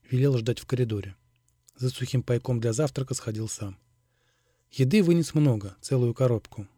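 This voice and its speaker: A man narrating an audiobook in a steady, even reading. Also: mid-range voice, no echo, studio quality. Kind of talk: scripted narration.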